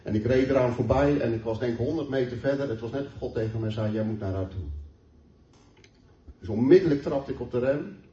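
A man's voice: mid-range voice, fast talker, hardly any pauses, mellow. A man preaching a sermon, telling a personal testimony in an earnest storytelling way and reading scripture aloud. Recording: roomy, distant, dull hall mic.

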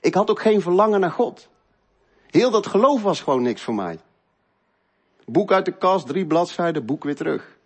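Husky middle-aged man, emotional testimony. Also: sits high, big pitch swings, normal speed, long pauses. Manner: earnest, swings between loud and quiet, hushed. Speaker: speaker giving a faith testimony.

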